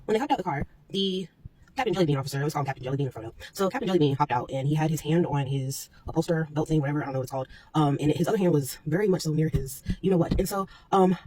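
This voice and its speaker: Rapid-fire woman, rambling and exasperated. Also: sits low, mellow, slight background noise. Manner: rambling, exasperated, full of fillers and restarts. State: shaken, upset. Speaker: market vendor telling a personal story. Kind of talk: storytime vlog, unscripted retelling.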